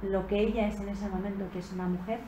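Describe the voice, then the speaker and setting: A woman giving a slow, reflective sermon on a Gospel passage at a retreat, rising in emphasis on key phrases. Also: mid-range voice, level tone, mellow. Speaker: preacher giving a retreat talk. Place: convent retreat room. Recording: echoey room with faint background noise.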